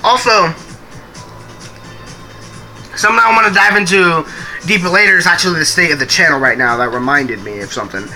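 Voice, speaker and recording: A young man chats on a live stream in a rambling, casual way, restarting his sentences and swearing now and then. His voice sits high and sounds very bright and sharp. Faint music plays behind him. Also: brisk, long pauses.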